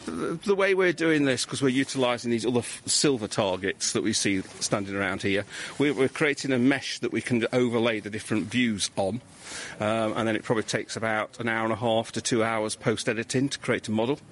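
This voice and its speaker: Male engineer, low-ish voice, patient technical explainer, outdoor interview with faint background noise. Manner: measured, explanatory, with restarts. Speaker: civil engineering lecturer. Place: outdoors on a hillside street.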